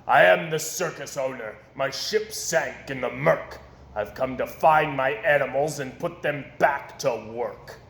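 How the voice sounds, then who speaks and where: A man voicing a selfish, imperious circus owner who barks orders loudly in a storybook reading. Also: medium pitch, measured pace, creaky. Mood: pompous. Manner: barking, imperious, loud. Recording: roomy echo, faint background noise.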